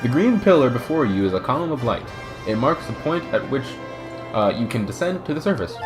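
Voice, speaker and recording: Brief: male gamer putting on a robotic female spirit guide, flat monotone, formal, swinging pitch. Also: fairly quick, over music, lightly acted. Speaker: let's play gamer. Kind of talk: reading game dialogue aloud in a put-on voice.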